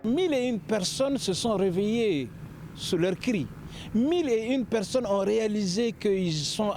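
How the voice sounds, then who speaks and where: A man's voice: sits high, a little mellow, slight background noise. A man explaining in an interview, emphatic, often repeating his phrasing. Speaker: interviewee explaining local religious custom.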